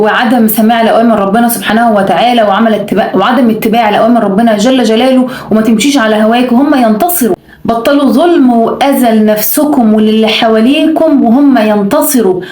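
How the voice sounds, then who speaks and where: A woman's voice: fairly high pitch, darkish tone, echoey room. A woman with an Egyptian Arabic accent gives a religious exhortation, urging her listeners emphatically and repeating her points. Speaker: religious speaker.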